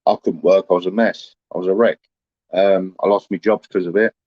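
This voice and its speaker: Aggrieved man, low rambling voice. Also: fairly even intonation, brisk, no room sound, lo-fi sound. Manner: rambling and aggrieved, full of "you know". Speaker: livestreamer talking to viewers. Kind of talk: casual livestream chat.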